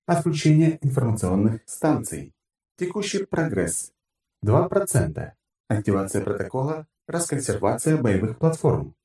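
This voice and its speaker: A man's voice: medium pitch, big pitch swings, normal speed, warm tone, echoey room, distant mic, voice pushed up, close to an everyday voice. A man voicing a malfunctioning combat AI system in an audiobook, a glitching robot that keeps reporting errors and reboots. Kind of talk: audiobook narration.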